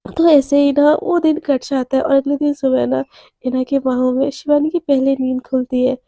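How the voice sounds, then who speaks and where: A woman with a hoarse, sore throat, casually telling a story and talking to her listeners as friends. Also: high-pitched, level tone, normal speed, mellow, no room sound. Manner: chatty, addresses listeners as friends.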